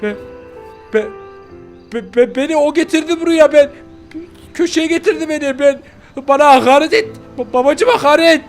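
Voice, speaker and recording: A man's voice: fairly high pitch, lively intonation, slow, fairly bright tone, faint music behind, full character voice. A man voicing a boastful, hot-headed young male pitbull in a game role-play, trash-talking and then stammering. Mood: panicked stammering.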